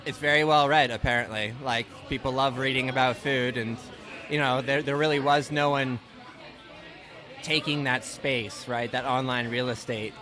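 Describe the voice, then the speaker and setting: With crowd noise in the background, the Ontario, Canada podcast host talks at a moderate pace in a mid-range voice with fairly even intonation. His casual interview chat meanders, packed with restarts and "right?" tags.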